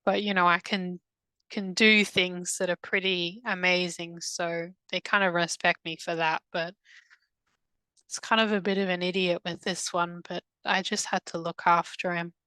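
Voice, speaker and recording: A woman recounting a past-life regression under hypnosis, halting and hesitant, with many restarts, in a soft, subdued voice. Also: fairly low pitch, flat delivery, clean tone, no room sound, poor audio. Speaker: hypnosis client.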